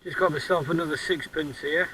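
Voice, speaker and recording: A man with a somewhat raised pitch talks casually outdoors on a beach. He muses over his metal detecting finds in a relaxed, unscripted way. He hesitates and often repeats a word before going on. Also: brisk, slight background noise, poor audio. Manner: musing, hesitant, repeats words while looking at finds.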